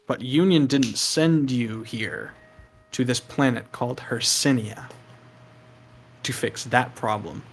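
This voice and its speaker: A man narrating a tabletop game as game master, explaining deliberately with pauses. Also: mid-range voice, a bit bright.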